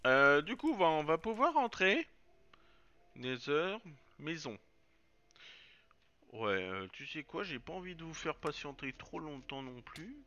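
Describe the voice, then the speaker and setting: A man's voice: fairly high pitch, sing-song, measured pace, pauses often, bright, forceful tone, highs cut off. A man commenting casually on his own game, swearing and thinking aloud as he plays. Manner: chatty, swears, muses aloud while playing. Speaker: let's play gamer.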